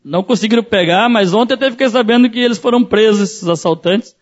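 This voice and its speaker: A man's voice: high-pitched, fast, muffled recording. A man preaching as a pastor, telling a personal story in a sermon and acting out the voices in it.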